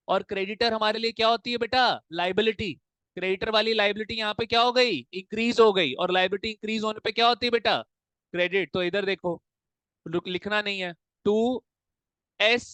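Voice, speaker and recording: A male commerce tutor giving a classroom lecture, drilling students with quick call-and-answer questions in a fatherly way. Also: high-pitched, a bit bright, smooth, no echo, rough recording. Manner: fatherly, calls students "beta". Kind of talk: classroom lecture mixing Hindi and English. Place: coaching classroom.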